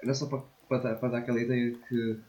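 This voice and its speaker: Give the voice of a man in his twenties from Portugal, with a European Portuguese accent. He has a middling pitch and talks in a loose, slangy way, swearing casually as he chats on a podcast. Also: flat delivery, rapid-fire, a little mellow. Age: 20s. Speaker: podcast co-host. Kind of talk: casual chat.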